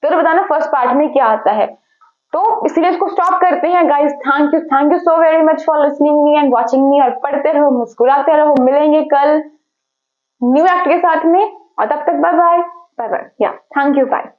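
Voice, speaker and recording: A young woman teaches in a high, chatty voice. She asks her own questions and answers them, and slows right down to read out English phrases. The room is echoey and the recording sounds a little muffled. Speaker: exam-prep teacher. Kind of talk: casual Hindi-English lecture.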